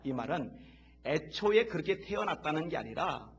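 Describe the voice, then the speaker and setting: A man preaching a sermon as pastor in a church, leading the congregation to repeat after him and rising from quiet talk to loud, impassioned shouts. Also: fairly high pitch, sing-song, moderate pace, muffled recording. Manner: leads the congregation in call-and-repeat. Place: church sanctuary.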